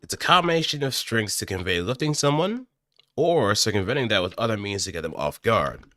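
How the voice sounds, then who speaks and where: An amateur voice actor with a low voice that keeps a bright, forward edge offers casual, improvised explanatory commentary, musing aloud as he works through ideas. He sounds animated and brisk, recorded very dry and close on a studio microphone through an audio interface, with no room sound.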